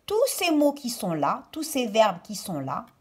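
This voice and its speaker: A woman's voice: fairly high pitch, big pitch swings, a little slow, slightly rough. A woman primary school teacher giving a recorded lesson to children, explaining step by step and phrase by phrase as if dictating, with stress on key words. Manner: didactic, phrase-by-phrase delivery as if dictating.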